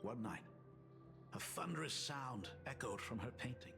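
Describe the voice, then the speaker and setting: An actor playing a solemn, aging father in a video game, with an old man's gravelly voice and a grave, wistful delivery. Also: mid-range voice, animated, measured pace, music in the background. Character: solemn aging father, fatherly artist burdened by family curse. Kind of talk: dramatic video game voice acting.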